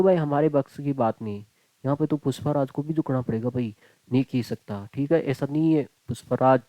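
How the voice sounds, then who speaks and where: A man's voice: a little high, warm tone, dry recording, poor audio. A man teaching a maths class online, chatty and joking, calling his students "beta" and "bhai".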